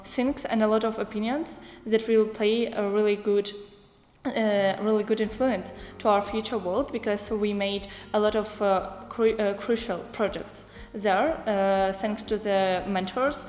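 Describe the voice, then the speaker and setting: A young woman describing a youth exchange project in halting English with many fillers. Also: medium pitch, fairly even intonation, darkish tone. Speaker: project participant. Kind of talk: interview answers in non-native English. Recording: echoey hall.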